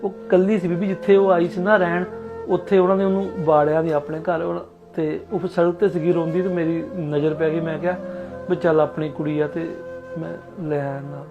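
A man acting a skit and speaking to viewers, halting and earnest. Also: a little high, flat delivery, phone-quality sound, over music. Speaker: skit creator and actor. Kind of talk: scripted skit and address to viewers.

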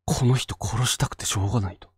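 A man from Fukushima hosting and narrating a spoken ghost story, dropping to hushed tones for tension. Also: medium pitch, fairly even intonation, quick pace, slightly rough, no room sound, studio quality. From Fukushima Prefecture, Japan. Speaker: ghost story teller and host.

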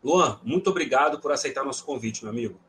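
A man's voice: mid-range voice, expressive, fast, a bit bright, a little hiss or hum. A man hosting a podcast, reading a formal introduction of his guest and then asking friendly questions. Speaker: podcast host.

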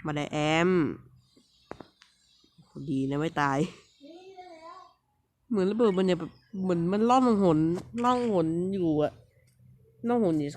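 Male gamer, relaxed slow delivery, playful commentary, teasing the characters, lots of small exclamations. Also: high voice. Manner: playful, teases and scolds the game characters, frequent little exclamations. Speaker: let's-play gamer. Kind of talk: casual gameplay commentary.

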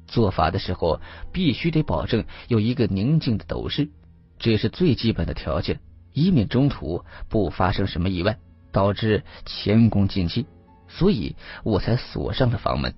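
Low, husky male story narrator. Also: dry recording. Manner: steady storytelling with measured emphasis. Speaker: audiobook narrator. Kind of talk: serialized audio story narration. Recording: slightly muffled with faint music.

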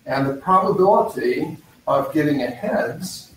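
A man's voice: fairly high pitch, animated, measured pace. A middle-aged man tutoring math in a live-streamed session, explaining step by step with many "uh" and "um" fillers. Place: campus learning center room. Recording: roomy, mic at a distance, faint background hum.

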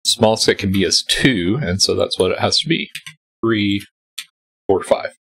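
Here a congested, stuffy-sounding man with a lowish, husky, fairly bright voice and some vocal fry narrates a sudoku puzzle he's solving. He's animated yet unhurried, patiently explaining each step and thinking out loud in a calm voice-over over screen footage.

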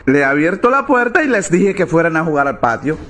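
A man doing a high, smug loony copilot. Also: sing-song, fairly quick, very noisy. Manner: high, sing-song.

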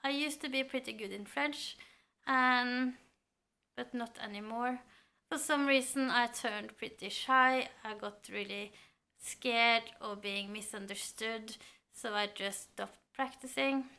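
Speaking slowly in a fairly high, bright and forceful voice with a clean tone, a book vlogger in her thirties from Norway talks to the camera at home. She sits in a room lined with bookshelves, the camera close by, and her casual book chat is thoughtful but a touch hesitant, with a Norwegian accent.

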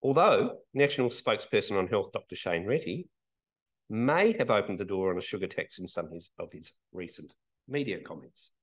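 A man's voice: on the low side, expressive, normal speed, low-quality recording. A man giving opening remarks at a public panel event, talking informally with many fillers. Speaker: event organiser.

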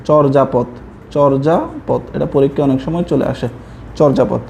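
Young guy from chittagong, chittagonian bengali accent, exam prep class, repeats answers, soft mellow voice, bit of background noise. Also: medium pitch, moderate pace, creaky, muffled recording. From Chittagong, Bangladesh. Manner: repeats key answers, addresses students directly. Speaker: coaching teacher. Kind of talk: slide-based exam prep lesson.

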